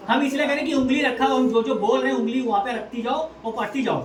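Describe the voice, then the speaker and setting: At home, a woman tutors a child over reading, stern and impatient, repeating orders and spelling letters aloud as she scolds. Her voice sits high and moves fast. The room is echoey, she's far from the mic, and there's faint noise.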